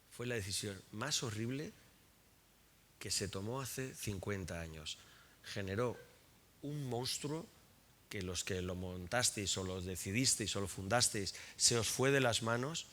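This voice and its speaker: A man's voice: lowish voice, fairly bright tone, a little hiss or hum. A man talking at a public book presentation, frank and colloquial, who swears often and restarts and repeats words as he thinks aloud.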